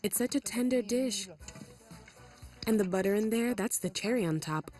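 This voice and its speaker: A woman's voice: mid-range voice, moderate pace, darkish tone, soft background music. A woman cooking with a friend, playful and joking in casual banter. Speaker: home cook.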